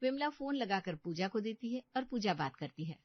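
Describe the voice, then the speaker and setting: A woman's voice: medium pitch, lively intonation, moderate pace, no room sound. Woman narrating a cartoon story. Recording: dull dry recording.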